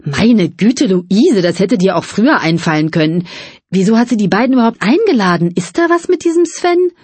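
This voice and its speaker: A woman's voice: mid-range voice, big pitch swings, a little mellow, husky, dry recording. Woman reading as Ruth, an eager party organizer. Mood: flustered. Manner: brisk, chatty speech-giver.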